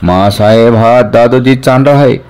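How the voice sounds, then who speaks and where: A man's voice: mid-range voice, unhurried, darkish tone, clear, resonant tone, close to an everyday voice. A man voicing an elderly, devoted guardian, speaking in anguished self-reproach. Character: elderly devoted guardian, guilt-stricken and stern.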